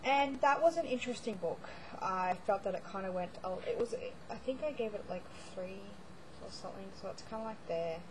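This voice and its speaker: This book blogger's voice is starting to go as she rambles chattily through her casual monthly reading wrap-up vlog, stumbling over fillers and restarts. Her mid-range voice has lively intonation and moves a little fast over a noisy background.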